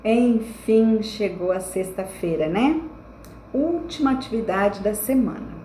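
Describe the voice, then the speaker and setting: A young woman teacher giving a recorded online lesson to children, explaining slowly and checking in with frequent tag questions. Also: medium pitch, dark tone. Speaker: primary school teacher. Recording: echoey room with faint background noise.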